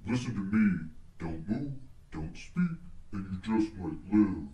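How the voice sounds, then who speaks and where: A man's voice: on the low side, sing-song, slow, mellow, dull audio, full character voice. A man voicing a menacing Bigfoot captor who speaks in threatening sing-song rhymes. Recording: echoey, from far off the mic.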